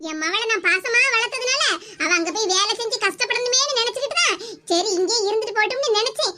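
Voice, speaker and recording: A voice actor doing a shrill fierce old mother. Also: quick pace, sharp tone. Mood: outraged. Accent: southern Tamil. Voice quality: high, shrill, accusing. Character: fierce old mother, scolding her son. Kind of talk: cartoon comedy dubbing.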